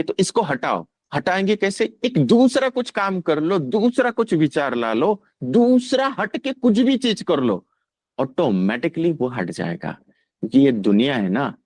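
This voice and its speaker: Calm halting man giving a spiritual talk. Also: mid-range voice, no room sound. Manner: calm, halting, mixes English words into speech. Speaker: spiritual teacher.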